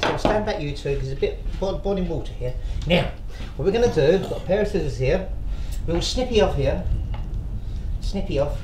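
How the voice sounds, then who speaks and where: A man's voice: fairly high pitch, a little mellow. A man hosting a casual cooking demonstration, chatty and rambling and laughing often as he tells jokes. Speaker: cooking show host. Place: outdoors, windy. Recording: echoey with faint ambient noise.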